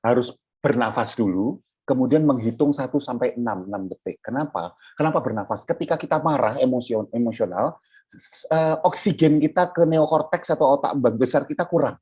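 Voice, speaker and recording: A man from Indonesia giving a casual parenting talk over a video call, explaining in a relaxed way and acting out what a parent says to a child. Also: mid-range voice, a little fast, breathy edge, highs cut off. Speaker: guest speaker on parenting.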